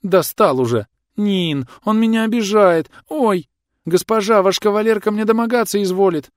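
A man's voice: mid-range voice, sing-song, fairly quick, dry recording, studio quality. A man voicing a cheeky young woman who plays a mock-servile maid and then snaps back sharply. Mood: shrill. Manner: sly mock-submissive, then sharp and whining.

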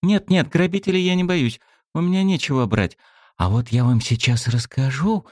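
A man voicing a shy, excitable teenage girl who talks in eager, confiding bursts. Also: on the high side, normal speed, dry recording, clean studio sound, voice pushed up, lightly acted.

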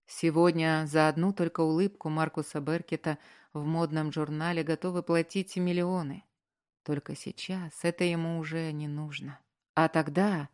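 A woman reading a story aloud in measured, earnest scripted narration, as an audiobook narrator. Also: deep voice, darkish tone.

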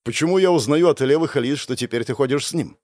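A man voicing an arrogant young male hero who speaks in a flat, dismissive way in an audiobook. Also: medium pitch, fast, no room sound, close to an everyday voice. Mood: cold. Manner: monotone, dismissive.

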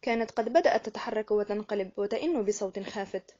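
A woman narrating an audiobook novel in a steady, brisk reading voice. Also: mid-range voice, highs cut off. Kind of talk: scripted narration.

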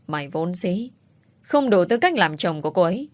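A woman's voice: lowish voice, very animated, normal speed, no echo. A woman voicing a young man who speaks bitterly to his brother, with faint music behind. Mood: defiant.

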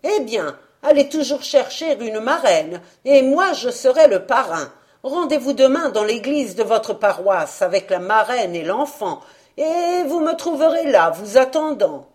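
A woman reading an audiobook, voicing a mysterious, jovial old man who speaks loud and amused. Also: on the high side, animated, unhurried, pitched above the performer's own voice.

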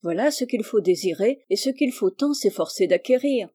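A reader voicing a kind but firm middle-aged male doctor who is an uncle, read in a measured, instructive way. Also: medium pitch, lively intonation, mellow, natural voice.

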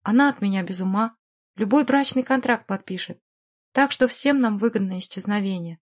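A woman's voice: medium pitch, normal speed, close to an everyday voice. A woman voicing a scheming, condescending middle-aged businessman in an audiobook, with a conspiratorial tone. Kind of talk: audiobook character voice.

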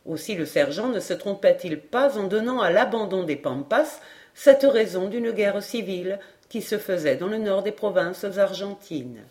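Woman, audiobook narrator, measured, even, classic novel. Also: mid-range voice. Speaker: audiobook reader.

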